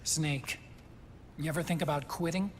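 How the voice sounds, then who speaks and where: High-voiced, earnest actor as male scientist. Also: fairly even intonation, moderate pace, a little hiss or hum, close to an everyday voice. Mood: worried. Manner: earnest, concerned, explanatory. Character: earnest, worried bespectacled male scientist, middle-aged. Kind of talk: dramatic game cutscene dialogue.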